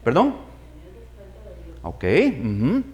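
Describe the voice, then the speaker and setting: A man's voice: mid-range voice, huge pitch swings, very slow, darkish tone, dull audio. A man preaching a sermon, asking his congregation questions and acting out voices in the story. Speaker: pastor.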